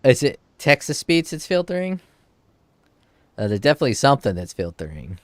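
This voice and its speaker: A man's voice: medium pitch, sing-song, fairly quick, no room sound. A man streaming, giving casual reaction commentary on a video, profane and enthusiastic, on a close microphone.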